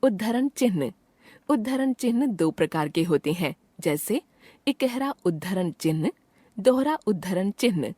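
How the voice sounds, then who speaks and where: Woman reading a grammar lesson, lively intonation. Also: medium pitch, husky, no room sound. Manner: precise, measured textbook reading. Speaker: grammar teacher narrating a lesson. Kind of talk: scripted lesson narration.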